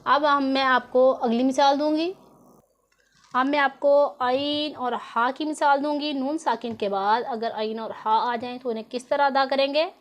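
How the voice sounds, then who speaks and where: A woman explains recitation rules step by step in a tutorial. Her voice sits high, and she speaks slowly and patiently. She stretches each example word out syllable by syllable. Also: steady tone. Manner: slow and patient, drawing out example words syllable by syllable. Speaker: Quran reading teacher.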